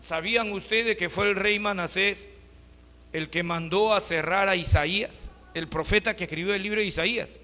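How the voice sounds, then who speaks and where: A man preaches a sermon in a high, bright voice, throwing rhetorical questions at his congregation. His voice rings through a reverberant hall with a long tail of echo. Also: normal speed. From Peru. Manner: rhetorical questions, addresses listeners as brothers. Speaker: pastor.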